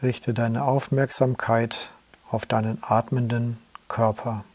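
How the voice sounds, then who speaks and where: A man slowly guiding a yoga nidra relaxation in a calm, soothing way. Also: medium pitch, no room sound. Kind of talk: guided relaxation instructions.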